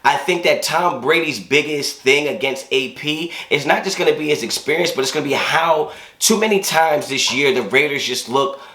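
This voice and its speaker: A man's voice: on the high side, moderate pace, sharp tone. A man with a sick, congested and wheezy voice gives casual, slangy sports commentary as a vlog host, repeating phrases for emphasis. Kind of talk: casual opinion commentary to camera. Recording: roomy echo.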